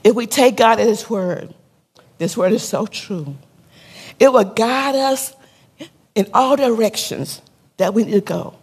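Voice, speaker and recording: A woman's voice: on the high side, expressive, measured pace, long pauses, breathy edge, long reverb tail. A woman pastor preaching a sermon, asking her listeners questions and repeating her key points. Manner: preaching with call-and-response questions and repetition; drops to a soft, hushed tone when telling a sad story.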